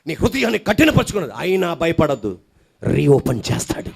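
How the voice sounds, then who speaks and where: Brief: high-pitched male pastor, dramatic storytelling sermon, acts out each quote. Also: sing-song, a little fast, gravelly, husky.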